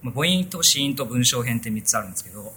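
A man's voice: mid-range voice, animated, fast, bright, forceful tone, a little hiss or hum. A man hosting a casual tech podcast, chatting loosely through a sponsor spot with many fillers. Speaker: podcast host.

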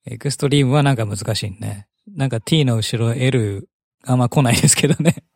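A man's voice: medium pitch, a little fast, creaky, darkish tone, no echo, studio quality. A man co-hosting a casual podcast, answering with short, easygoing remarks and light laughs. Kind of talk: casual chat.

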